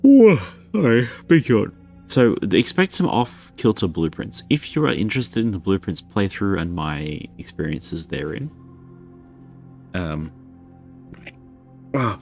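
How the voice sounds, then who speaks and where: A man's voice: sits low, creaky. A man streaming a video game live, chatting casually and rambling to his viewers. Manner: rambling, chatty, self-deprecating.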